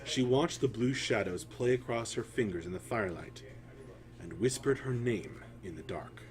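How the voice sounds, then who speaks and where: Over faint background music, a man with a mid-range voice tells a fantasy story solemnly and theatrically, using deliberate phrasing and dramatic pauses.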